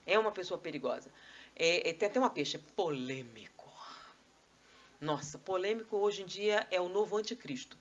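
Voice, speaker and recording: A woman with a mid-range voice and a Brazilian Portuguese accent speaks fast in a live spiritist lecture at a spiritist society meeting hall. She fills it with rhetorical questions and conversational asides. The audio is dull, with a little hiss or hum.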